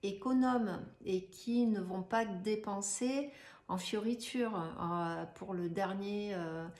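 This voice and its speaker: A woman's voice: medium pitch, slow, a little mellow. A woman, an astrologer who explains in a chatty, casual way, with many fillers and rhetorical questions. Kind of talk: casual explanatory video talk. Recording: echoey room.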